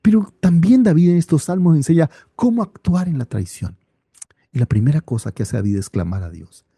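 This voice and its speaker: A man with a very dark, mellow voice and a husky edge teaches a Bible study, reading passages aloud and asking his listeners rhetorical questions. His low tone has a gravelly fry, and the recording is dry and close. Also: lively intonation, dry recording. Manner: rhetorical questions and drawn-out exclamations.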